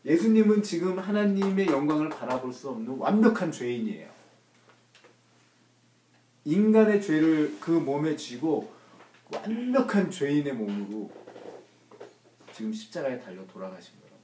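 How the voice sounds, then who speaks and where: Male Bible study leader with an emphatic, questioning delivery and a warm timbre, recorded in a roomy space with faint noise. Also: a little high, big pitch swings, moderate pace, pauses often, distant mic. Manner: emphatic, asks the group rhetorical questions. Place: church room.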